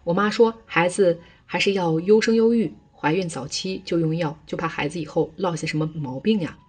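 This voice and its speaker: A woman's voice: fairly low pitch, moderate pace, darkish tone, slightly rough. Woman reading as a helpless young husband. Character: worried young husband torn between wife and mother.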